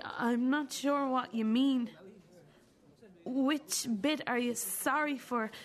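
A woman acting as a wounded, bitter adult daughter in a drama, accusing her mother in a halting, deliberate way. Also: high-pitched. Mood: hurt, confiding. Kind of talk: dramatic two-hander dialogue.

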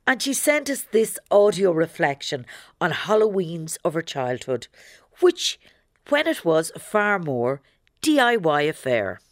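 A woman's voice: low voice, dry recording, clean studio sound. A woman with an Irish accent presenting a radio magazine show in a conversational style. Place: radio studio.

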